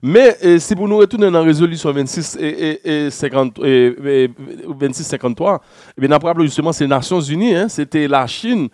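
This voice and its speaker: A male host talks politics in a voice pitched a little high, stopping and restarting with plenty of fillers. The sound is dry and close. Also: a little mellow, no room sound. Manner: halting, with many fillers and repeats. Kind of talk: political talk.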